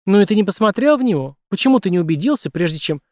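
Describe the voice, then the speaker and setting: A man's voice: high voice, expressive, racing, a little mellow, no echo, clean studio sound, pitched above the performer's own voice. A man reading an audiobook, voicing a frightened young woman in a raised, strained, pleading voice. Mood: urgent.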